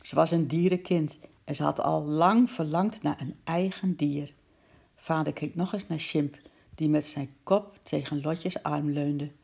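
Low, gravelly woman reading a children's story. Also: fairly even intonation, a little slow, a little mellow. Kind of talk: reading a children's book aloud.

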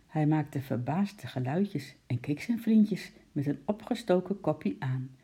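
A woman reads a children's story aloud in a low, very dark and mellow voice. Her reading is gentle and expressive, with small slips she corrects. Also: a little slow. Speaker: narrator.

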